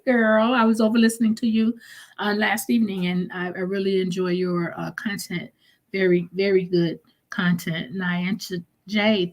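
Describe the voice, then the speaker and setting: Chatty woman greeting livestream viewers. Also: mid-range voice. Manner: greets viewers by name, chatty and warm, trails off and restarts. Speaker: livestream host. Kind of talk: casual live chat, reading viewer comments.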